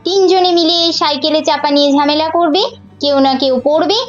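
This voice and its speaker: A woman's voice: high-pitched, fairly even intonation, a little fast, close to an everyday voice. A woman voicing a strict, anxious mother who scolds her children and worries that they will get hurt. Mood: worried. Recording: slightly muffled with faint music.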